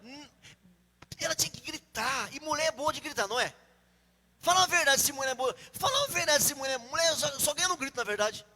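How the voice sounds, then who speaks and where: A male pastor preaching a lively sermon and questioning his congregation. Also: very high voice, fairly quick, in a large hall, a little hiss or hum.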